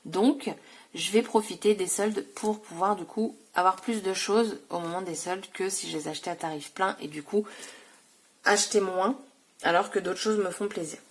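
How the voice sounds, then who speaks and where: A woman's voice: medium pitch, normal speed. A woman vlogger showing off scrapbooking supplies in a casual, chatty way, full of fillers and self-corrections. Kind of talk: casual haul video.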